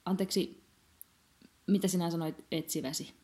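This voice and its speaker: Woman voicing a kindly miller man, polite, hospitable, mellow, warm, storybook. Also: fairly low pitch, steady tone, close to an everyday voice.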